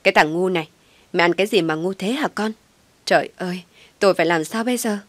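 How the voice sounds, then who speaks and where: A woman's voice: lowish voice, fast talker, dry recording, natural voice. A woman voicing a stern, angry older mother who scolds harshly in an audio story. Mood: furious scolding.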